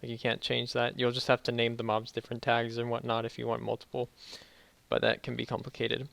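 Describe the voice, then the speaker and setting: A young man giving a casual, halting game tutorial, speaking slightly muffled and carefully, as if sore after dental work. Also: medium pitch, completely flat delivery, vocal fry, fairly bright tone, no echo. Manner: halting, self-correcting explanations. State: sore mouth after wisdom teeth removal, slightly muffled careful speech. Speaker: tutorial video host.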